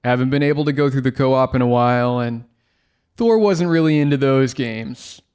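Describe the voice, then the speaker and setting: A man's voice: mid-range voice, moderate pace, darkish tone, smooth, natural voice. A man reading an audiobook, voicing an eager, slightly whiny nerdy gamer in his thirties.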